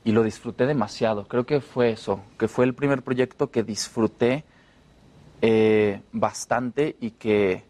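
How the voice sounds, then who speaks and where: Mexican man telling stories, relaxed. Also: mid-range voice, measured pace. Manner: relaxed storytelling, fillers and restarts. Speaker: actor, guest. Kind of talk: casual interview chat.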